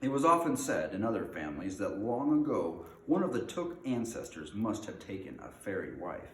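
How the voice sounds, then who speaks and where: Reading a storybook aloud after a casual intro, this male host sounds informal and unpolished, with a fairly low, fairly bright, sing-song voice at a moderate pace. The room is echoey, with faint noise.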